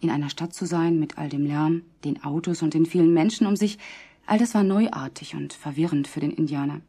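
A woman reading a story aloud in a calm, even way. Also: low-pitched, brisk, slightly rough. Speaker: narrator. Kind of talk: read storybook narration.

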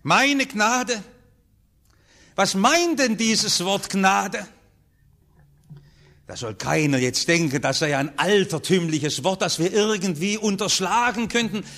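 High-voiced slow preacher. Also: male voice, lively intonation. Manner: earnest, with strong rises and falls in pitch and loudness. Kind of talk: sermon.

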